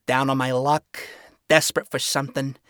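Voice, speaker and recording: A man's voice: medium pitch, little pitch movement, moderate pace, fairly bright tone, clear, resonant tone, no room sound, studio quality, natural voice. A man voicing a world-weary, flamboyant male spider demon who swears and talks in slang, in a fan fiction reading. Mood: bitter.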